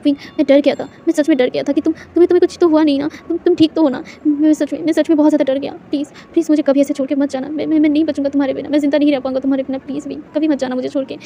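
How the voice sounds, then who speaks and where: A woman's voice: high voice, mellow, a little hiss or hum. A woman voicing a frightened young man who pleads tearfully with his lover, stammering and repeating his words. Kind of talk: storybook reading.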